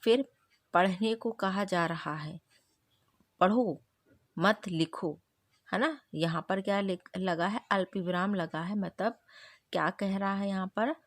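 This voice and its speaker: A woman's voice: mid-range voice, a little slow, no room sound, studio quality. A woman teaching a grammar revision lesson who keeps asking the class questions and answering them herself.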